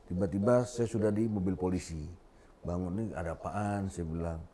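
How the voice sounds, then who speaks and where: Male guest, testimony storytelling, animated, acts out dialogue. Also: low voice, moderate pace, slight background noise. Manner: animated, acts out quoted dialogue, many fillers and restarts. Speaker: interview guest giving testimony. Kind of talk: emotional storytelling.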